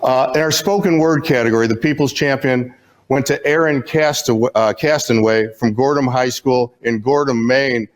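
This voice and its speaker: A man's voice: mid-range voice, moderate pace, poor audio. A man hosting an online award ceremony, friendly and a bit fumbling over names. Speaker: awards host.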